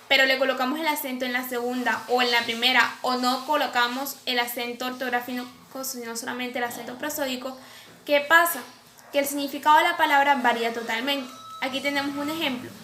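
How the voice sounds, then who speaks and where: Female lecturer, high and bright, explaining step by step; echoey room, light hiss. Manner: explanatory, asks and answers her own questions. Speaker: teacher. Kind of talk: recorded lecture over slides. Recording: echoey room, faint background noise.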